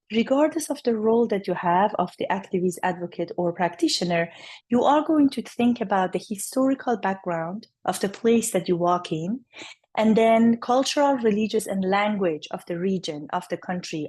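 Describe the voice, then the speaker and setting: Female presenter, medium pitch, hoarse raspy voice, explaining clearly to colleagues at a conference. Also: a little mellow. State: hoarse from laryngitis. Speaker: psychologist, invited speaker.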